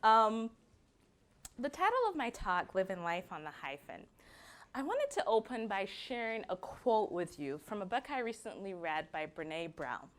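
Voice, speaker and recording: A young adult woman from Barbados with a Barbadian accent, giving a prepared personal talk and slowing down to stress key words. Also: mid-range voice, very animated.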